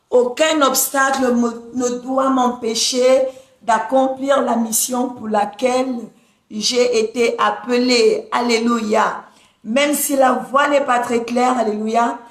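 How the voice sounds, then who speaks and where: A woman preacher and prophetess, hoarse after singing, giving a fervent livestream sermon peppered with exclamations of praise. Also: high-pitched, fairly bright tone, roomy sound.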